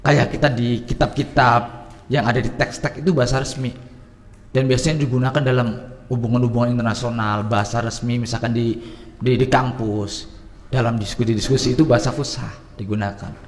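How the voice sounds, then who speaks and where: Animated preacher in a reverberant hall. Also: male voice, medium pitch, brisk. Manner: animated, swings between loud and soft, mixes Arabic phrases. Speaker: religious teacher. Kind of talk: lively Islamic study talk. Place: study gathering hall.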